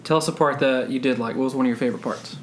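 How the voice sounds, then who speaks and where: A woman hosting a casual family movie-review podcast, leading the talk with steady, structured questions. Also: extremely low pitch, very fast, a little hiss or hum. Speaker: podcast host and parent.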